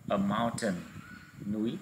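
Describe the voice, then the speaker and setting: A male English teacher leading a slow vocabulary drill, saying each word twice for the pupils to repeat. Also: fairly low pitch. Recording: steady background noise.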